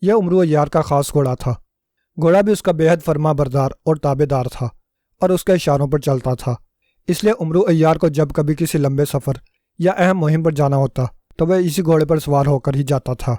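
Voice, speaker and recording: Male storyteller, measured scripted narration; mellow tone, dry close mic. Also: on the high side, dry recording.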